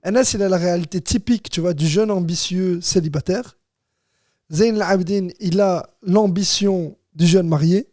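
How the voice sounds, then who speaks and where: A man's voice: high-pitched, moderate pace, warm tone, dry recording. A man in his thirties with a Rifian Moroccan accent, hosting a casual studio podcast and telling stories, often saying "you see". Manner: storytelling, says "tu vois" often, laughs easily. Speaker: podcast host. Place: small warm studio.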